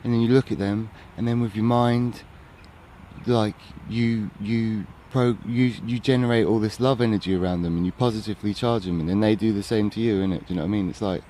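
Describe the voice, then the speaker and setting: A man's voice: fairly low pitch, steady tone, a little fast, mellow, a little hiss or hum. A man rambling through a spiritual vlog, filling his talk with tag questions, recorded outdoors on a handheld phone. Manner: rambling, filler-heavy, tags lines with "innit, yeah?". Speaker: vlogger. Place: outdoors in an urban area. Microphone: handheld phone camera.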